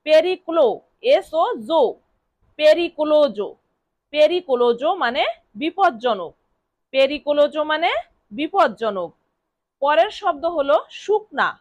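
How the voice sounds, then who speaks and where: A woman's voice: high voice, dry recording, highs cut off. A woman teaching vocabulary. She repeats each word several times, spells it out letter by letter, and asks questions that she answers herself. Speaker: language teacher. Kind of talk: vocabulary lesson.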